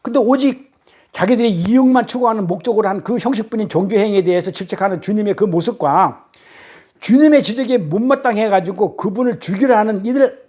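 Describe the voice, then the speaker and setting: High-voiced man preaching bluntly. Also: a little mellow, a little hiss or hum. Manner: blunt colloquial preaching, acting out quarrels. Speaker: pastor. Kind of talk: Sunday sermon.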